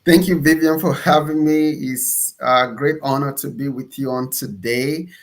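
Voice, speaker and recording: An entrepreneur and pastor with a Nigerian accent, appearing as an interview guest, shares his personal story in a conversational manner. His medium-pitched voice moves a little slowly, and he stresses key words and repeats them for emphasis.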